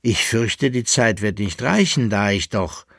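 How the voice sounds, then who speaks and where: An earnest young officer, as a male reader plays him, caught off guard and fumbling for words. The voice is husky and low-set, with a slow pace. The sound is close and dry. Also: expressive, fairly bright tone, no echo, full character voice. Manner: earnest and easily flustered. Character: young, flustered army officer.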